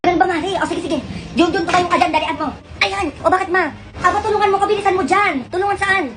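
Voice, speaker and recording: A woman in comic family skits, talking in a quick, scolding, exasperated way. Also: very high voice. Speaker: comedy skit creator. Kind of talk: comic skits playing several family roles. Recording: skit clip with loud music behind.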